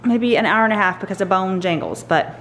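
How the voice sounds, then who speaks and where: A woman's voice: mid-range voice, a little fast. A woman, chatting upbeat in a casual family vlog. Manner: chatty, upbeat, says "y'all". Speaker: family vlogger, mother. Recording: echoey with loud outdoor noise.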